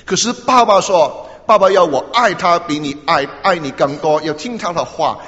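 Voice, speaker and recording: A man's voice: a little high, normal speed, a bit bright, voice pushed up, close to an everyday voice. A man preaching, voicing an earnest young male student who pleads tearfully in prayer, in an echoey hall with dull lo-fi sound. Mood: pleading.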